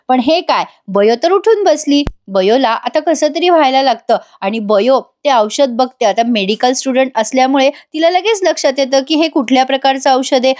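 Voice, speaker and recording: A woman's voice: on the high side, darkish tone. A woman narrating a voice-over recap of a TV serial, dramatic and talking straight to her viewers. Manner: dramatic, addresses viewers directly. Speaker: TV serial reviewer.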